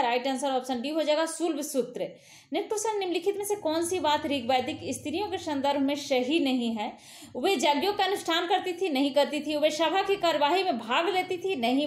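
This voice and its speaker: High-voiced woman tutor, echoey room. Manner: reads each question aloud, then answers with hesitant fillers and self-corrections; voice lifts sharply on each question announcement. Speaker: exam tutor. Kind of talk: exam quiz walkthrough.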